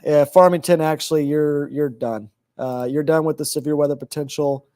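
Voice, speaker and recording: A man co-hosting a live weather stream, easygoing and reassuring as he reads out towns and tells viewers they are in the clear. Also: fairly high pitch, steady tone, normal speed, warm tone. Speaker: weather co-host.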